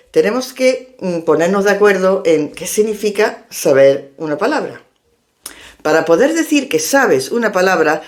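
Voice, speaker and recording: A woman who is an English teacher and linguist, giving a clear, step-by-step explanatory language lesson. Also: on the low side. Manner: clear, step-by-step instructive delivery.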